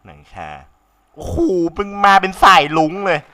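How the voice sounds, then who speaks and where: A young man with a sore throat giving casual, excitable let's-play commentary, swearing freely and laughing often. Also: high-pitched, moderate pace. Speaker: game commentator.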